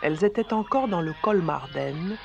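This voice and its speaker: A narrator reading a story aloud for radio in a measured, expressive way. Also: medium pitch, vocal fry, highs cut off, music in the background.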